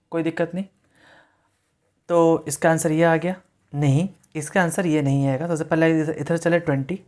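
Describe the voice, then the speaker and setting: A young man gives a whiteboard coding lecture, tracing each step aloud. He often pauses to check in with his viewers. He blends English terms into his Hindi as he explains. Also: a little high. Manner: repeats steps, checks in with frequent "right?"; mixes English words into Hindi. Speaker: coding tutor.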